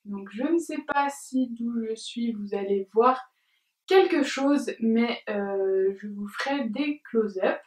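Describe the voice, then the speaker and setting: A young woman beauty vlogger chats casually in a beauty tag video, her voice on the high side, slow, and a little mellow. She's hesitant, with many fillers and giggles, and she's filmed at home by a camera some distance away, giving a roomy sound.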